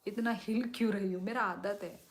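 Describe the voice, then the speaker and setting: A young woman from Tripura chatting casually on a phone live stream at home at night, reading viewers' comments and talking softly so she won't disturb the neighbours. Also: fairly even intonation, normal speed. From Tripura, India. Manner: chatty, sways while talking, lowers voice to keep it down. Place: small room at home at night. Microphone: phone held or propped close.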